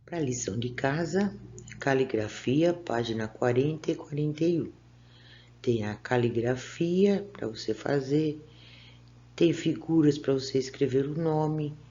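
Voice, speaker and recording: A Brazilian woman teaching young children in a recorded class, giving patient, clear, step-by-step instructions. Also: extremely low pitch, unhurried, mellow, slight background noise. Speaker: primary school teacher. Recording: dull lo-fi recording.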